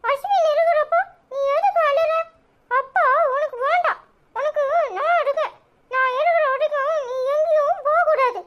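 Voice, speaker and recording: A woman's voice: very high-pitched, normal speed, dull audio. A woman voicing a young boy in a cartoon, loyal to his mother and defiant, speaking with a Tirunelveli Tamil accent. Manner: defiant, cries and pleads by turns. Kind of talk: cartoon voice acting.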